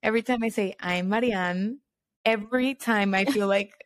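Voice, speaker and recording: A woman's voice: fairly high pitch, fairly even intonation, quick pace, slight background noise. A woman in her twenties, a native Spanish speaker, chatting casually as a podcast co-host. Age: 20s. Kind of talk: casual chat.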